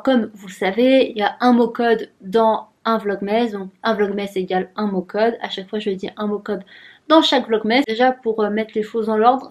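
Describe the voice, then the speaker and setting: A woman's voice: a little high, a little mellow. A young woman chatting casually in a vlog at her desk at home, giggly and talking to herself as she unboxes things. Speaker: vlogger.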